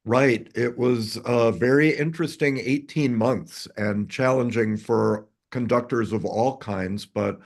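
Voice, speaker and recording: A man in his fifties, a conductor answering interview questions over a video call, measured and articulate. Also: medium pitch, creaky. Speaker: conductor, guest.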